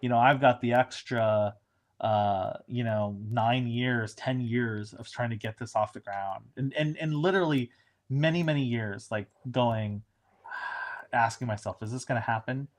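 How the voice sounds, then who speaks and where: A man's voice: mid-range voice, a little slow. A man, a showrunner, chatting casually in an interview, rambling with frequent restarts and fillers.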